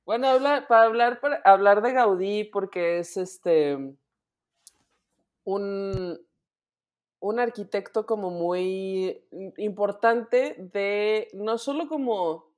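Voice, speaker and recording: A woman's voice: medium pitch, takes it slowly. A young woman, co-hosting a casual podcast chat, slangy and teasing, laughing often. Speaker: podcast co-host.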